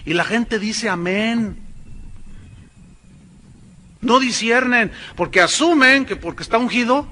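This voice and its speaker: A man's voice: very high voice, takes it slowly, pauses often, bright, forceful tone. A man preaching a sermon as pastor, emphatic and speaking straight to the congregation with sarcastic asides.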